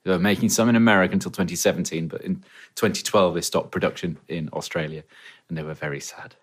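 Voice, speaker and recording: Low-voiced man, rambling. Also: steady tone, quick pace, breathy edge. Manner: rambling explainer, giggles mid-sentence. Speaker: panelist. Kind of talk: casual comedy chat.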